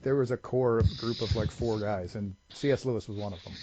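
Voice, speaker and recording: A podcast co-host with a fairly low voice and a fairly quick pace gives long, tangent-prone lore explanations in casual conversation. Faint hiss sits under the slightly dull, lo-fi recording.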